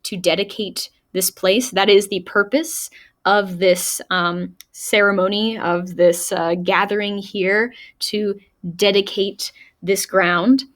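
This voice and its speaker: A woman teacher talks through a speech in a recorded lesson. She speaks slowly and deliberately, at a middling pitch. She reads the quoted lines aloud with extra weight. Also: steady tone, a bit bright. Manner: explains slowly, reads quotes aloud with emphasis, small laughs. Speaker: high school English teacher.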